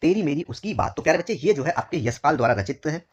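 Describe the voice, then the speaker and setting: A Hindi exam teacher from India going through test questions. He repeats each phrase slowly, calls his pupils dear children, and drops his voice on each answer word. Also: a little high, lively intonation, husky, lo-fi sound. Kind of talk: exam question walkthrough lesson.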